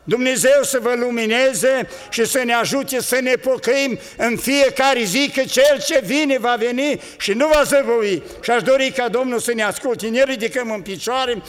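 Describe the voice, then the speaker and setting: A man's voice: very high voice, hardly any pauses, a bit bright, big-room sound. An older man preaching an earnest sermon to a congregation, exhorting them and recounting visions.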